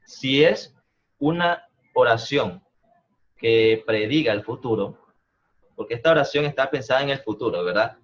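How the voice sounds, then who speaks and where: A man's voice: medium pitch, very animated, moderate pace. Guy teaching math on a video call, patient, keeps asking "¿no?", audio kinda dull. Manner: explains patiently, checks understanding with frequent "¿no?" and "¿verdad?". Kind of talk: online math class.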